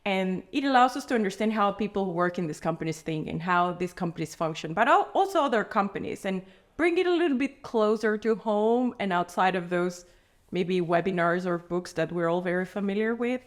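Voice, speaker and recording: A woman's voice: mid-range voice, expressive, a little fast. A woman hosting a podcast interview in person, framing her questions thoughtfully with many hesitations. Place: indoor room, in person with guest.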